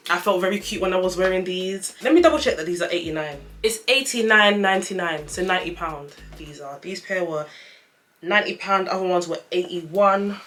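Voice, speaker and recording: A woman's voice: fairly low pitch, a bit bright. A young woman with a lisp with whistling s sounds, chatting casually and emphatically as she reviews a product in a vlog. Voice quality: lisp with whistling s from dental aligners. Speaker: vlogger reviewing trainers.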